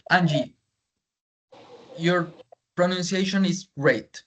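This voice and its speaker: Speaking slowly in a high, fairly bright voice, a strongly accented native Spanish speaker gives English feedback on a video call. He often switches to Spanish to restate his points in this online session.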